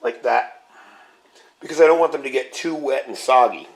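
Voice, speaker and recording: A man with a mid-range voice and a moderate pace hosts his channel's casual cooking vlog. His voice is a little scratchy from a cold he's getting over, and he stays relaxed, describing every step as he handles the gear.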